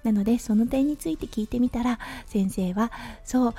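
A woman in her thirties hosts her own podcast, telling everyday stories in a gentle, chatty flow with soft fillers. Her voice sits a bit high, but it sounds very dark and husky. Faint music plays quietly behind her. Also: normal speed. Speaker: podcast host. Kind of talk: casual solo talk radio.

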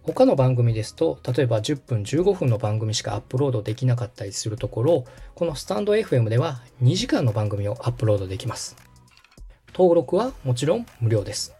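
Over soft background music, a man with a medium-pitched, husky, mellow voice speaks fast in a sing-song way. A podcast host, tutorial instructor and radio director, he politely guides the listener through a step-by-step tutorial.

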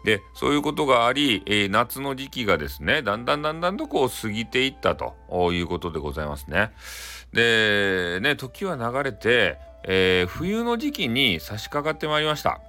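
A man's voice: medium pitch, very animated, fairly quick, bright, forceful tone. Folksy man telling a fable in Hakata dialect. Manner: chatty, folksy, addresses listeners often. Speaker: storyteller. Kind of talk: bedtime folktale narration.

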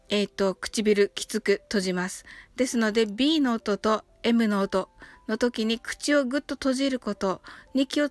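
A woman, a native Japanese speaker, gives a slow and patient pronunciation lesson on English song lyrics. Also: mid-range voice, dry recording. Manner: slow, careful, patient explaining. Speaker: singing teacher.

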